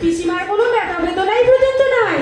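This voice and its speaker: Stage melodrama: excited rural young woman played by an actress, shrill high pitch, Eastern Bengali accent, very echoey. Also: quick pace. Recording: very echoey, music behind.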